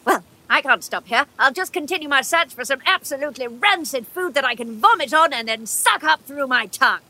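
A woman's voice: high voice, expressive, brisk, bright, forceful tone, full character voice, low-quality recording. A woman voicing small cheeky creatures, a gross-out fly and a sleepy worm, in a children's audio story, chirpy and relishing. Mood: gleeful.

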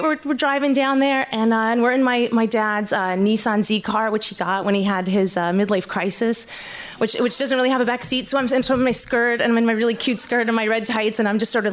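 A woman telling a personal story live on stage, nervous and halting, often restarting her sentences. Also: a little high.

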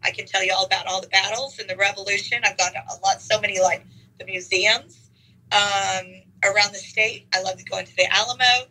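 A middle-aged woman from Texas with a raspy voice, chatting eagerly as an interview guest with lots of ums. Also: medium pitch, fairly even intonation, a little fast, bright, forceful tone, soft background music, poor audio. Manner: enthusiastic, many fillers. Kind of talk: casual interview.

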